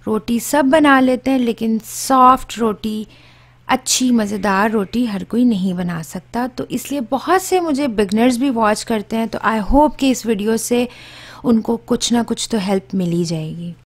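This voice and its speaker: Woman, cooking tutorial voice-over, fairly high voice, patient step-by-step tips. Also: a little slow. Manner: instructive, explains tips step by step. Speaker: cooking channel host.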